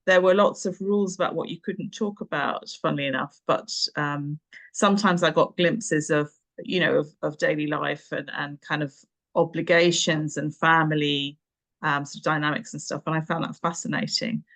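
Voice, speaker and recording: In a deep, steady, fairly bright voice at a moderate pace, a Nairobi-born woman in her fifties who boarded at school in England looks back on her work as an English teacher and tutor. She is an interview guest, and her conversational reflections are hesitant yet punctuated by emphatic words.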